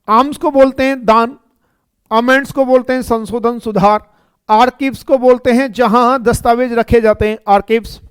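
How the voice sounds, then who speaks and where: Recorded dry, a man's very high, clear and resonant voice delivers an English grammar lecture. He takes it slowly, repeats himself and keeps checking in with his students using "ठीक है" and "है ना".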